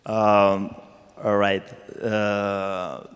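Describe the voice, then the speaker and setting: A man with an Italian accent, a native Italian speaker, answering informally as a startup founder in blunt, halting English. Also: lowish voice, little pitch movement, clear, resonant tone. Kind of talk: informal spoken panel answer. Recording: reverberant hall.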